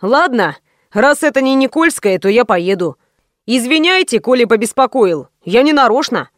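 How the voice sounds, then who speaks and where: A woman voicing a heroine disguised as a folksy, apologetic male taxi driver, lowering her voice. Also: lively intonation, moderate pace, no room sound, studio quality, lightly acted. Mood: feigned innocence.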